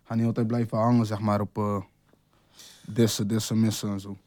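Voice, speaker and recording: A young man talks in a relaxed, laid-back way, dropping street slang and filler tags into every sentence. His voice is dark and mellow, and it sits dry and close to the mic. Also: on the low side, a little fast, dry recording. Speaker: rapper guest. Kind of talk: casual interview chat.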